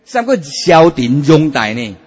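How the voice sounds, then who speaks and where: A man preaching a Buddhist sermon, emphatic and animated, drawing out his sentence-end particles. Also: a little high, unhurried, breathy edge. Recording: dull, echoey hall sound.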